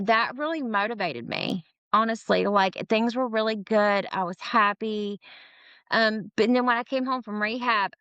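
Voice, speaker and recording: A woman's voice: mid-range voice, a bit bright, dry recording. A woman in her forties, an interview guest, telling her own story in a frank, casual way, laughing often and swearing freely. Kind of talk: candid personal storytelling.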